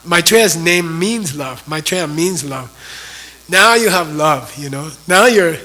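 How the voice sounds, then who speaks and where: A man teaching a class tells a story in a loose, easy, conversational manner. His voice sits a bit high and rings bright and forward. He fills gaps with frequent "you know" and "like". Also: animated, slow pace, poor audio. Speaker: Buddhist teacher.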